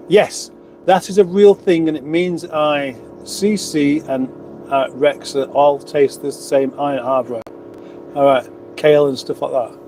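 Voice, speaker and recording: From a garage, a man with a runny nose hosts a casual livestream, rambling chattily and adding wry asides while reading out comments. His voice is a little high and darkish, with slight background noise.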